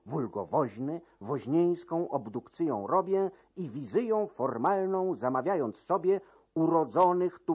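A man's voice: a little high, darkish tone, husky, pitched above the performer's own voice, exaggerated voice. A man voicing a pompous old male court usher, declaiming in formal legal style in a dramatic verse reading.

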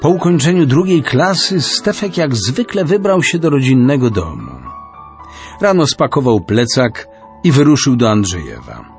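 A man narrating a storybook in an expressive reading style. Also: medium pitch, normal speed, faint music behind.

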